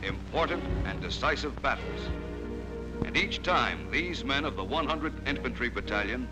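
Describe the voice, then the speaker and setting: A man's voice: medium pitch, animated, normal speed, rough recording. A man giving declamatory, solemn and emphatic narration in the style of a 1940s wartime newsreel. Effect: old newsreel narration. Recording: narration over a loud music score.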